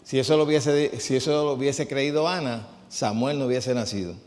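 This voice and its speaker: A man teaching a sermon, lively and quizzing his congregation. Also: medium pitch, normal speed. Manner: lively, quizzes the congregation, acts out quoted voices. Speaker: preacher teaching a healing class. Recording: long church-hall reverb.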